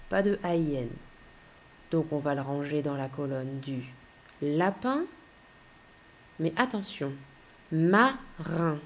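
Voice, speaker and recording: A woman with a low-pitched, darkish voice teaches young children phonics slowly and clearly, patiently spelling out letters one at a time.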